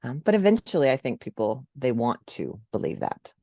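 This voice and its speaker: A woman's voice: a bass voice, brisk, dry recording, muffled recording. A woman, a social worker, talking in a casual interview and often checking in with "right?". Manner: animated, frequent "right?" tags.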